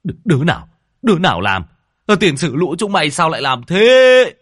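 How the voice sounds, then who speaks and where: A man voicing a furious middle-aged village chief who wails and curses in a high, shouting voice. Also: wildly swooping pitch, normal speed, dry recording, studio quality, exaggerated voice. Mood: enraged wailing. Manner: wailing, cursing shouts.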